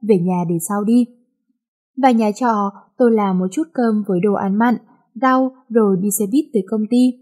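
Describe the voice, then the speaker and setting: A woman reading a first-person romance novel aloud in a lively, chatty way. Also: mid-range voice. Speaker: storyteller.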